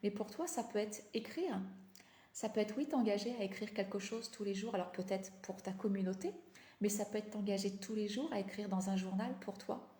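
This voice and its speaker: A tired woman with a slight lisp and slushy s sounds chats motivationally on a live stream, repeating phrases for emphasis in a halting way. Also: medium pitch, warm tone. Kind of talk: casual motivational live chat. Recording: echoey, roomy sound.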